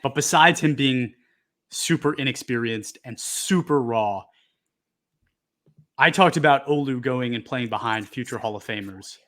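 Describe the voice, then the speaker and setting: A man's voice: mid-range voice, measured pace, fairly bright tone. A man co-hosting a sports podcast, chatting casually and hedging as he thinks aloud. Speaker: podcast co-host.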